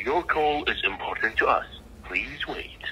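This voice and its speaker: A man's voice in a recorded phone menu message, giving formal, measured prompts over a phone line. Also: mid-range voice, animated, bright, forceful tone, a little hiss or hum. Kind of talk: scripted phone system prompts.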